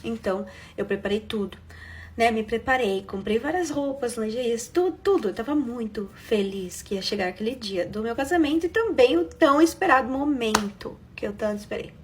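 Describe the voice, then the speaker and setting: A young woman with a Brazilian accent tells her own story as a heartfelt confession. Her voice sits a little high, and she talks casually and with feeling. She acts out the lines of the people in her story. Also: fairly quick. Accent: Brazilian Portuguese. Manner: emotional, conversational, quotes others with lively shifts. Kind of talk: first-person confessional storytelling.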